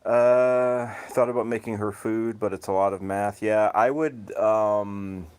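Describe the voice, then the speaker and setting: Laid-back low-voiced man chatting to viewers. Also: measured pace, clean tone. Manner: relaxed, chatting to viewers, says his voice is monotone. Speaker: livestream host. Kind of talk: casual livestream chat. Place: home, cats outdoors.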